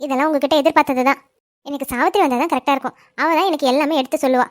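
A woman's voice: high-pitched, fairly even intonation, rapid-fire, no room sound, clean studio sound, natural voice. A woman voicing a worried, fretful middle-aged mother in a cartoon family drama. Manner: fretful, complaining.

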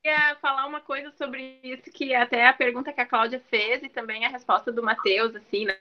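A woman's voice: on the high side, fairly even intonation, fairly quick, muffled recording. A woman teacher giving earnest, encouraging advice to students in a panel talk, with hesitant restarts.

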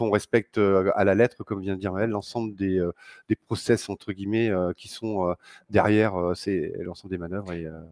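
Animated middle-aged man at a conference. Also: on the low side, no room sound, clean studio sound. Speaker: founder of a sailing channel. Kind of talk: conference talk. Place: large sailing showroom, indoors.

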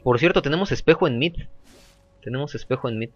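Talking fast in a mid-range voice, this man gives relaxed, chatty gameplay commentary and often repeats himself. A sore throat has him clearing it again and again, and the audio is muffled.

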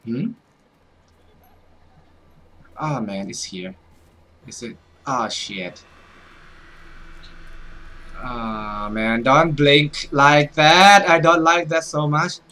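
A young man commenting on a horror game, swearing and exclaiming when startled. His voice is bright and slightly high, and he talks slowly between the outbursts. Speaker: gaming YouTuber. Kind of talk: let's play commentary.

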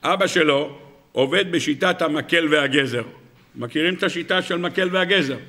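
A rabbi delivering a sermon, telling a parable in an animated, dramatic way and speaking directly to his audience. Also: on the high side. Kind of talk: sermon storytelling.

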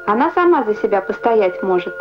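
A woman reading scripted nature newsreel narration in an expressive storytelling manner. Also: mid-range voice, fairly quick. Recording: muffled vintage film soundtrack. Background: music.

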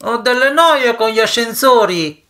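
A man's voice: very high-pitched, moderate pace, voice pushed up. A man voicing a spiteful, mocking boy with troll teeth who calls out taunts. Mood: taunting. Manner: shouting after, taunting.

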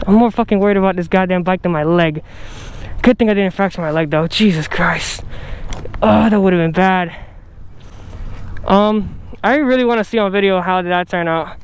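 A man's voice: high voice, normal speed, pauses often, slight background noise. A young man vlogging outdoors on a camera mic, swearing and joking at himself while in pain. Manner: swearing, pained and self-mocking. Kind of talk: casual vlog talk to camera.

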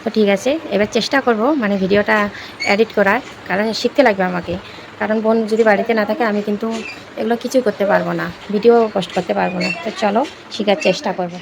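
Fast-talking gravelly young woman vlogging. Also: medium pitch, fairly even intonation, noisy background. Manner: chatty, strings sentences together with a repeated filler. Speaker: home vlogger. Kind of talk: casual home vlog chat. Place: home, indoors.

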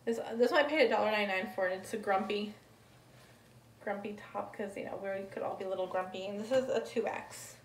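A woman's voice: mid-range voice, quick pace, a little hiss or hum. A woman chatting casually through a haul vlog, rambling as she describes each item one by one, recorded at home. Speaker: thrift reseller vlogger. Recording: roomy, distant mic, faint ambience.

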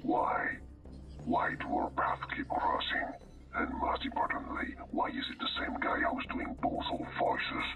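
A man voicing Mister Glitch, a male villain program who talks in a hushed, scheming whisper over the phone. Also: a little slow, far from the mic, loud music behind the voice, natural voice.

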